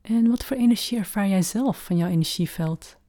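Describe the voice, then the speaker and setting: Slow and gentle, this guided meditation is led by a woman whose mid-range voice stays soft and frequently fades into a breathy near-whisper. Long pauses separate her words.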